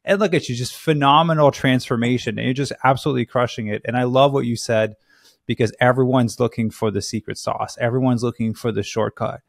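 A man's voice: mid-range voice, fairly even intonation, fairly quick, gravelly, no echo. A young man hosting a podcast, speaking in an upbeat, encouraging way into a studio microphone. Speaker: podcast host. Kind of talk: casual interview chat. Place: studio with neon sign. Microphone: studio microphone on boom arm.

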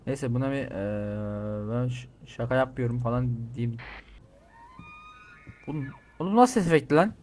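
A man giving crude, excitable commentary while playing a game, reading out the other characters' lines and yelling when startled. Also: medium pitch, normal speed, pauses often, faint music behind. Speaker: gaming streamer. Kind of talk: swearing playthrough commentary.

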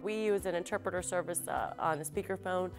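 Woman in her thirties, nurse, low-pitched, thoughtful and conversational; faint music bed. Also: steady tone, a little fast. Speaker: public health nurse. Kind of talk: interview.

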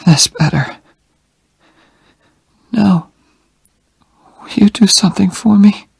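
A man voicing a frail, dying young woman who is tender and stubborn, in a breathy high whisper. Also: slow, dry recording, exaggerated voice. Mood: pleading.

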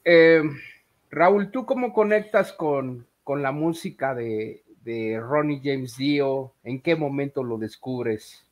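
A man co-hosting a casual talk, asking a question in a hesitant, halting way. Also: medium pitch.

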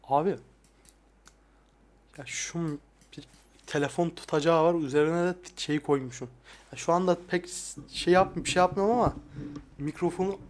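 A young man talking casually and softly, often swearing, as he looks back at his old videos. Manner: crude, frequent swearing; soft-spoken, dropping voice low at times. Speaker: ASMR YouTuber. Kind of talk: casual soft-spoken vlog. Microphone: lapel mic.

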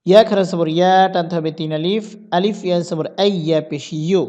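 A man with a Bangladeshi Bengali accent teaching Quran reading, spelling each word letter by letter and then chanting the verses slowly. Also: high voice, fairly even intonation, warm tone, highs cut off. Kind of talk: spelled-out Quran recitation lesson.

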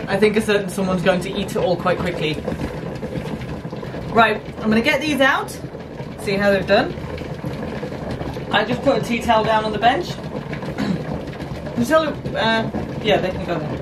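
A woman in her thirties talks through her kitchen work in a relaxed, chatty way, explaining each step as she goes. Her voice sits at an ordinary middle pitch, picked up by a camera mic on the counter with clear kitchen noise behind her. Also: unhurried, long pauses. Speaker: homestead vlogger. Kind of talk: casual kitchen chat. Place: small home kitchen, indoors. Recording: noisy kitchen camera audio.

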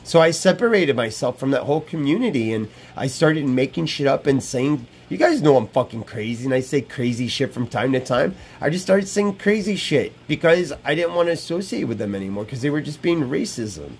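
Live streaming from a small room through a wired earbud headset mic, a man in his thirties rambles in a brash, profane way and repeats himself often. His voice is medium-pitched, animated, and slightly rough, moving a little fast with few pauses.

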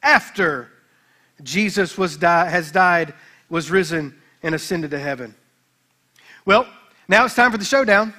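A man with a high, ringing voice preaches at a church service. He retells the scripture story as an animated, joking storyteller and throws in playful asides to the congregation. His tone stays bright and forward throughout. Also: a little slow, pauses often. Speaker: pastor. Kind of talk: sermon.

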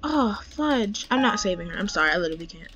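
A young woman giving casual game commentary with a friend, excitable, with sudden tense whispers. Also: medium pitch, fast, highs cut off. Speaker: gaming channel host.

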